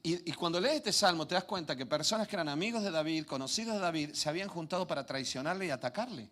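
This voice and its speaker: Male preacher, animated storyteller, slightly high-pitched, self-mocking humor. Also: quick pace. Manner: lively, acts out quoted voices, laughs at himself. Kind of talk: sermon.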